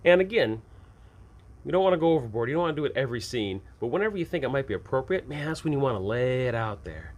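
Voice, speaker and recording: A man talks fast at a medium pitch, hosting an advice program on tabletop games. He's easygoing and excited, weaving in off-the-cuff scene narration with a folksy flavor, and he turns animated while acting out examples.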